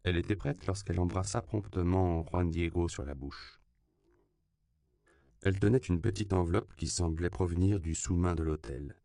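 A man reading a novel aloud in a measured, sober narration. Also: deep voice, gravelly, warm tone, clean tone, dry recording. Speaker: audiobook narrator. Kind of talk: scripted narration.

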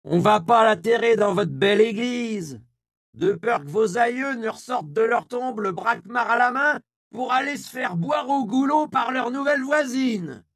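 A man voicing a crude, fierce old woman who yells coarse slang at a crowd in a raspy but powerful voice, in a storybook reading. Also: very high voice, moderate pace, no echo, studio quality, pitched above the performer's own voice, heavily acted. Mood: scornful yelling. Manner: foul-mouthed slangy yelling.

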